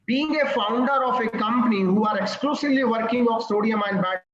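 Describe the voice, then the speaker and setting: A man with an Indian accent introducing a speaker as webinar moderator, formal and slightly halting. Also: very high-pitched, a bit bright. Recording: echoey lo-fi call with noise.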